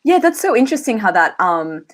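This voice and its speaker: A woman's voice: fairly high pitch, sing-song, fairly quick. A woman with an Australian accent hosting a casual livestream chat, talking with lots of "like" fillers. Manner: chatty, many "like" fillers. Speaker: host.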